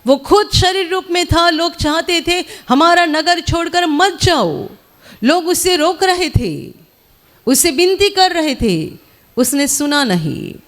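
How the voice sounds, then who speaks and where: A woman preaching a sermon in a measured, repetitive style, calling out hallelujahs between points. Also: extremely high pitch, animated.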